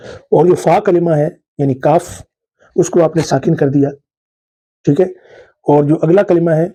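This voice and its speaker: A man's voice: on the high side, mellow, slightly rough. A man teaching a grammar lesson who keeps asking questions and answering them himself, with English terms mixed into his explanations. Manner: patient, asks and answers his own questions.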